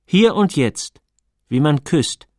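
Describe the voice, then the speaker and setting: A man's voice: a little high, lively intonation, slow, no room sound, clean studio sound, pitched above the performer's own voice. A man voicing a stubborn, hurt teenage boy with a blunt, insistent delivery in an audiobook.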